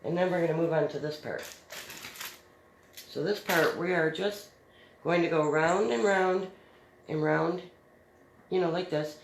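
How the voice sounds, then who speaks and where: A woman's voice: lowish voice, a little slow, gravelly, pauses often. Chatty middle-aged woman crafting in echoey room. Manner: chatty, laughs easily, many fillers. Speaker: DIY crafts host. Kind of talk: casual storytelling while crafting. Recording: roomy echo with faint noise.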